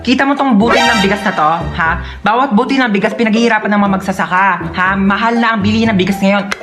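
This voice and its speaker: A woman's voice: medium pitch, fast, lightly acted. Scolding nagging mom, woman doing the voice, music in the back. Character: strict nagging mother scolding her child.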